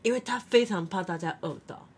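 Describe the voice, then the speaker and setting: A young woman rattles off stories at a quick clip, her voice sitting fairly low for a woman. She laughs often as she tells animated anecdotes in a casual chat. A faint hiss of background noise sits under the voice. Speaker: podcast co-host.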